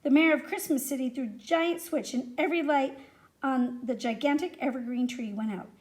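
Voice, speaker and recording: A woman reading a children's story aloud in an expressive, animated way, speaking directly to young listeners. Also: sits high, moderate pace.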